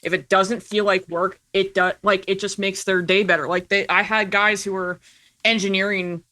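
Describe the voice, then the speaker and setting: An indie producer guesting on a podcast chats casually and tells stories, leaning often on "like" and "you know." She speaks at a normal pace in a mid-range voice that is bright and forceful, though her delivery is flat.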